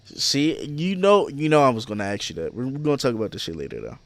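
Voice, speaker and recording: A man's voice: medium pitch, huge pitch swings, fast, creaky. A young man hosting a podcast, chatting casually with friends on a voice chat, slangy, laughing and swearing freely. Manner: laid-back, slangy, swears a lot, laughs often. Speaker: podcast host.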